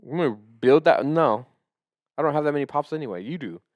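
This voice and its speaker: A man co-hosting a podcast in casual chat, rambling and excitable, often trailing off and restarting. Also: fairly high pitch, brisk, no echo, studio quality. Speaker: podcast co-host.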